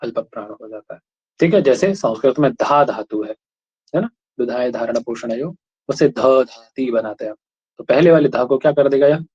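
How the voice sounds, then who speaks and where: Guy teaching a class, always asking students if they got it, kinda husky, muffled low-fi audio. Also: moderate pace, a little mellow. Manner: keeps questioning students and checking they understand. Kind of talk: classroom lecture. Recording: dull lo-fi recording.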